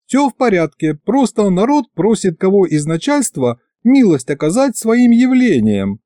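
A man's voice: high voice, sing-song, a little slow, warm tone, no echo, clean studio sound, voice pushed up. Man doing a fawning little imp. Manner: obsequious, eager. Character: small fawning male imp messenger.

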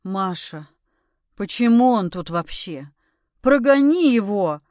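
A woman voicing a frantic, pushy middle-aged husband who talks loudly and pleads and orders in turn. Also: mid-range voice, animated, slow pace, no room sound, studio quality. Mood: agitated. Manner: loud, agitated, pleading and bossy.

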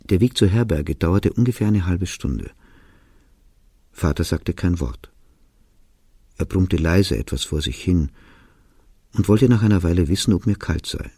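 A man narrating a literary audiobook in a studio, reading in a calm, even, reflective way. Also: low-pitched, a little slow, pauses often, slightly rough, no room sound. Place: recording studio.

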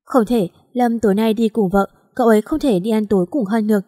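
A woman voicing a young man who speaks in a calm, placating way. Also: fairly high pitch, quick pace, lightly acted.

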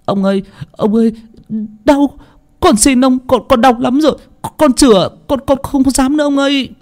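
Storybook: a sobbing, begging servant boy, very high and desperate. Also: moderate pace, darkish tone. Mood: agonized begging. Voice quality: crying, pleading.

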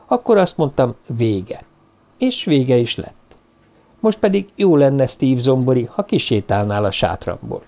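A man voicing a weary woman who speaks with cool, measured bitterness in an audiobook. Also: medium pitch, expressive, darkish tone, natural voice. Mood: coldly bitter.

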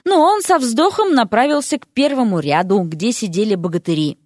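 A woman narrating a story in an expressive reading. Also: a little high, fairly quick, dry recording, studio quality. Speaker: audiobook narrator.

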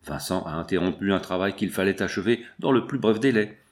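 A man voicing a stern, rough factory foreman. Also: sits low, fairly quick, natural voice. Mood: reproachful. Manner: curt, stern.

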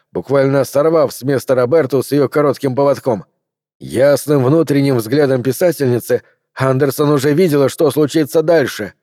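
Dark-voiced man narrating an audiobook. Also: mid-range voice, dry recording, studio quality.

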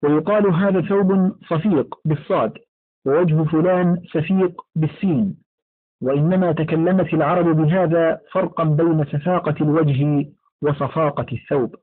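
A man reading a classical text aloud in a formal, measured way, with careful enunciation and recited verse lines. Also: fairly high pitch, fairly even intonation, husky. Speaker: audiobook reader. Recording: narrow phone-like lo-fi sound.

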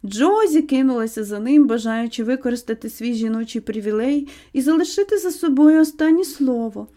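Woman, audiobook narration, expressive, high voice.

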